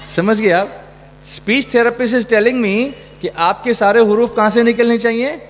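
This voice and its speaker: A man's voice: extremely high pitch, steady tone. A middle-aged man teaching children about religion, mixing in English and asking them questions that he makes them answer back. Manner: asks the audience questions and drills answers back. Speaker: Quran teacher. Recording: echoey hall with faint hum.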